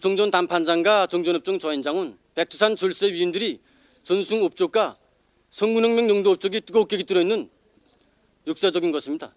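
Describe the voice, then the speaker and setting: A man with a North Korean accent gives a formal guide's explanation. His voice is high-pitched and sounds dry, with scripted phrasing. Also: fast, no room sound.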